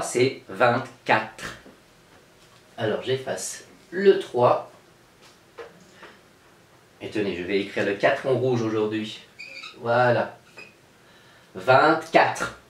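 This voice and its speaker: A man teaching young children in a remote class, speaking slowly and clearly as he writes letters on a board and sounds them out. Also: medium pitch, a bit bright, echoey room. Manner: slow, clear, patient teacher talk, spelling out sounds. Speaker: kindergarten teacher.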